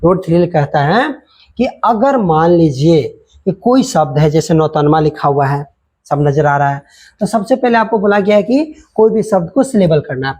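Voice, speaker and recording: A man's voice: high voice, darkish tone. A man teaching a lesson, explaining step by step and speaking directly to his students.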